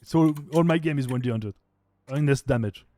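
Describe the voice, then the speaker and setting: A man's voice: medium pitch, normal speed, warm tone. A man narrating a tabletop game as game master, casual and rambling, laughing often.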